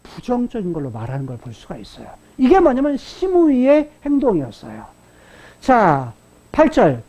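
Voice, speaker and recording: A woman's voice: a little high, huge pitch swings, normal speed, mellow. A woman pastor preaching a Sunday sermon, often asking the congregation questions and repeating key phrases. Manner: dramatic voicing of quoted insults.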